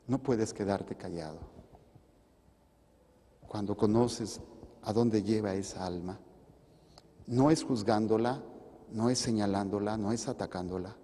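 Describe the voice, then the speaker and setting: A man's voice: lowish voice, mellow, breathy edge, long reverb tail. A man, a priest giving a conversational sermon with jokes and acted asides.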